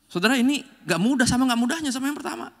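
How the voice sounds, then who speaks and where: A man's voice: very high-pitched, lively intonation, racing. A male pastor preaching a sermon in a joking, slangy style and acting out quotes as he tells stories.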